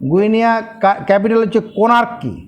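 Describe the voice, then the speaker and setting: A man's voice: sits high, steady tone, highs cut off. A man teaching an informal geography lesson, repeating names and spelling them out letter by letter. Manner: slow, repetitive, spelling letter by letter.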